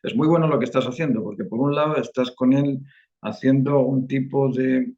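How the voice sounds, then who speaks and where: A man's voice: mid-range voice, steady tone, normal speed, darkish tone, dull audio. A man from Spain with a Spanish accent, teaching a one-on-one online painting class and often checking in with "eh?" as he explains. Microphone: video call.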